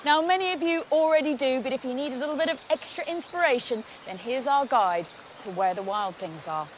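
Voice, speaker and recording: High-voiced woman presenting a wildlife show. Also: brisk.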